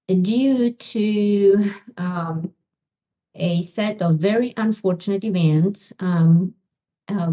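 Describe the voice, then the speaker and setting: A Romanian-born woman in middle age answers interview questions at a very unhurried pace, pausing often with ums. Her voice sits a little low, and the recording sounds dull and lo-fi. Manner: slow, halting, many ums. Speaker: guest, physician and author.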